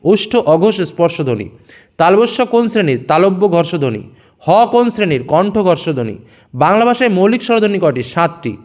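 A man teaching exam revision, reading each question aloud and then giving the answer in a lower, quieter voice. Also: sing-song, fairly quick.

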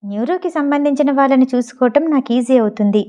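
A woman's voice: high voice, fast talker, mellow, muffled recording, natural voice. A woman voicing a stubborn young nurse who speaks curtly and with irritation. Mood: irritated. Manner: curt, irritated.

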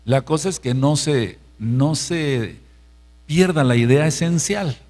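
A man's voice: on the high side, takes it slowly, a little mellow. A man with a Mexican Spanish accent, a pastor teaching a sermon-style Bible study, who repeats phrases for emphasis and keeps asking his listeners if they follow. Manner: emphatic, repeats phrases, asks the congregation questions.

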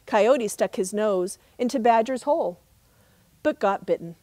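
Out in the open desert, a middle-aged woman who works as a park ranger narrates a trickster story in a measured, expressive storybook style. Her voice is medium-pitched, with a little hiss or hum on the recording.

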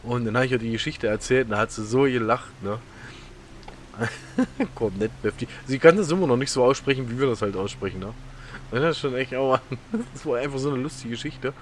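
A man's voice: medium pitch, fairly quick, a little hiss or hum. A man with a German accent giving casual let's-play commentary, rambling and telling stories with many fillers and laughs. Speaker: gaming YouTuber.

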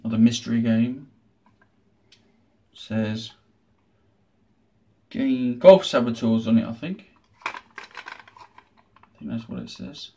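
This time the retro gaming host sounds very animated and warm, his mid-range voice moving slowly with long pauses. He's unboxing items casually in a small room at home, tossing in dry, sarcastic asides over noticeable background noise.

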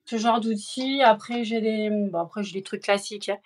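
A woman's voice: mid-range voice, fairly even intonation, moderate pace. A middle-aged woman with a strong southern French accent, chatting hesitantly on a live stream as a guest artist. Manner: hesitant, full of restarts while demonstrating. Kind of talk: casual live-stream chat.

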